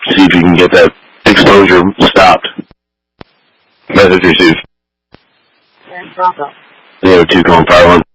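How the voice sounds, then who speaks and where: Man, deep-ish voice, incident commander, urgent clipped firefighter radio traffic. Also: flat delivery, unhurried, pauses often, a bit bright. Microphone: two-way radio. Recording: crackly fire department radio.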